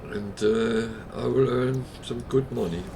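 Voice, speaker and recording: Talking slowly over his gameplay, a man with a husky, crackling, low and gravelly voice thinks out loud and leans on many fillers. The stream audio is noisy, with constant hiss underneath.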